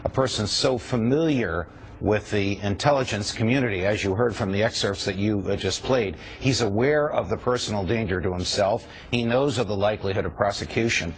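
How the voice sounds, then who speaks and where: A man speaking deliberately and earnestly as he comments in an interview. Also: on the low side, slight background noise, low-quality recording. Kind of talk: spoken commentary in a broadcast interview.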